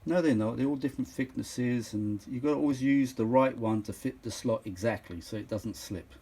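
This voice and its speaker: A mature vintage audio enthusiast shows off a machine in loose, unscripted show-and-tell chat, drifting between asides and short exclamations and often saying things twice for emphasis. His voice is slightly rough and husky, dark in tone, at an ordinary male pitch and a brisk pace.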